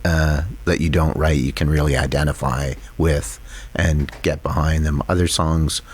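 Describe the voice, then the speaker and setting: A man, a songwriter in a band, talking in a relaxed interview, thoughtful and rambling with many fillers. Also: a bass voice, moderate pace, slightly rough. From Canada.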